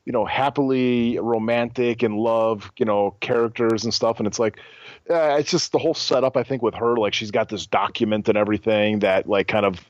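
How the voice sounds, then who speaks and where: A man with a fairly low voice co-hosts a casual film review podcast, rambling through his thoughts with plenty of fillers and restarts. The recording is dull and lo-fi, with a dry, close sound and no room echo. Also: fairly even intonation, fairly quick. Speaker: podcast co-host.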